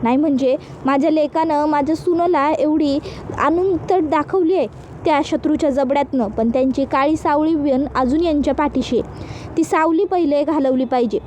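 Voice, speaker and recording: An older village patriarch, as a woman reads his lines, earnest and solemn in a serial recap. The voice stays high and soft. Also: normal speed, slight background noise, close to an everyday voice.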